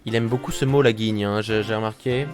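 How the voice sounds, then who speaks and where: A man's voice: lowish voice, fairly even intonation, fairly quick, over music. A man giving casual let's-play commentary with joking, offhand asides. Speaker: gaming streamer.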